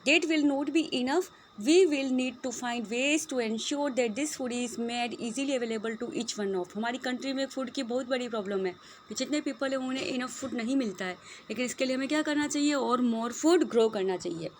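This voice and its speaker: A woman's voice: high voice, a little slow, slight background noise. A woman teacher with an Indian accent explaining a school lesson to her students, switching between Hindi and English and calling them beta. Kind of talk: online class lesson.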